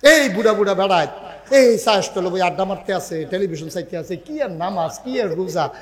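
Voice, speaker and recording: High-voiced Bangladeshi preacher shouting in a hall. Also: male voice, lively intonation. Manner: rustic dialect, swings between loud shouts and slow drawn-out stresses. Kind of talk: humorous sermon. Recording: reverberant hall.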